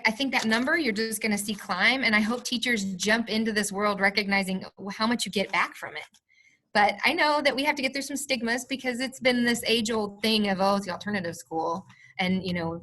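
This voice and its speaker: Woman, school administrator, bright clear voice, earnest, passionate, podcast interview. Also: mid-range voice. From Missouri, USA. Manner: earnest and passionate, stressing words. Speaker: alternative school administrator, guest.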